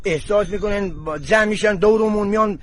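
High-voiced older village herder man. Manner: warm, courteous village speech. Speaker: livestock herder. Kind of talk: casual on-site interview.

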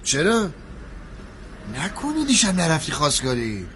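An actor playing a nosy friend who coaxes and pries in a comedic sketch. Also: male voice, on the high side, wildly swooping pitch, fairly bright tone, a little hiss or hum. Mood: curious. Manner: coaxing, nosy. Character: coaxing, nosy friend, a man. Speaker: supporting friend.

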